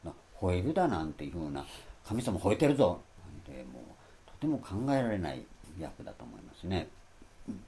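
A man giving a Bible lecture in a rambling sermon style, stressing his points and loudly acting out the phrases he quotes. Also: very deep voice, wildly swooping pitch, brisk, creaky, slight background noise. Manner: rambling, repeats himself. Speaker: Bible teacher.

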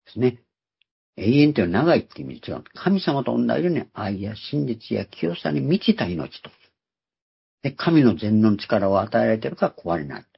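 A man's voice: mid-range voice, creaky, breathy edge. A man giving a Bible teaching sermon, explaining terms one by one and repeating key words for emphasis. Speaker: preacher. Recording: dull lo-fi recording.

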